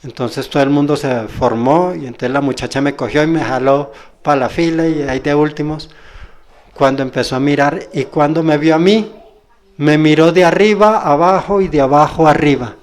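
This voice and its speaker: A man's voice: a little high, normal speed. A man telling a personal spiritual story in a rambling, folksy way, correcting himself as he goes. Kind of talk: spoken personal testimony.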